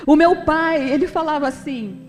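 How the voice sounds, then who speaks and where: A woman's voice: sits high, moderate pace, big-room sound, soft background music. A middle-aged woman giving an emotional, conversational church testimony to the congregation. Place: church sanctuary.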